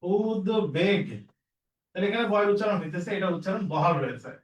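A man's voice: high voice, rapid-fire, roomy sound, recorded from a distance, poor audio. A man teaching an exam-prep lesson, repeating each rule and quizzing his students as he works through the questions. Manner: repetitive, drilling rules with questions to students.

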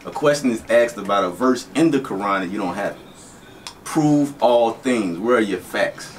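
A man's voice: fairly low pitch, lively intonation, a little fast, recorded from a distance, a little hiss or hum. Give me a confrontational man in a debate, heard from a bit off the mic. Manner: challenging, confrontational. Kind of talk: street debate argument.

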